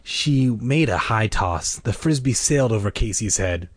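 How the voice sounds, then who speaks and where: A man's voice: on the low side, animated, measured pace, slightly rough, no echo. A man reading a children's book aloud in a playful way, tossing in wisecracks between passages. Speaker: reader.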